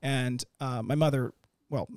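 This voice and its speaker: A man talking as an interview guest, animated and rambling, restarting his sentences. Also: mid-range voice, unhurried, smooth, no echo, clean studio sound. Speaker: company founder, guest. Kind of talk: casual interview chat.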